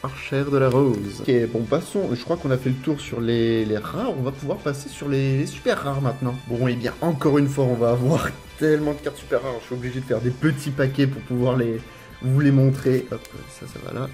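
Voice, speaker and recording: A man's voice: medium pitch, fairly quick, warm tone, soft background music. Rambling French man unboxing cards. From France. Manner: rambling, repeats words, lists card names. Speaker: YouTuber unboxing trading cards. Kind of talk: casual card-collection unboxing commentary.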